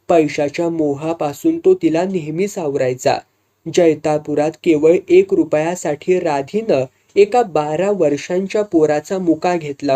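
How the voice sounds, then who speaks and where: A man's voice: a little high, dark tone. A man narrating a rural folk story in an earthy, vivid way.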